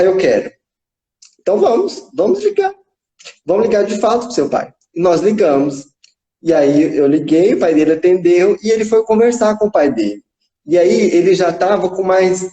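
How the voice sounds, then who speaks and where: A man's voice: on the high side, warm tone. A young man, a psychodrama psychologist, casually recounting a therapy session with a child and acting out the quoted dialogue. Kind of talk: casual storytelling in a live chat. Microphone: phone on a live video stream. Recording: echoey room.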